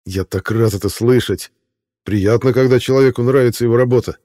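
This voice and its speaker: Man reading a dry, sardonic storybook captive, lifted voice, mellow. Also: medium pitch, fairly quick, voice pushed up, lightly acted. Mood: ironic. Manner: dry and ironic. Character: cool, sardonic male captive, calmly taunting. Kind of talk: audiobook character reading.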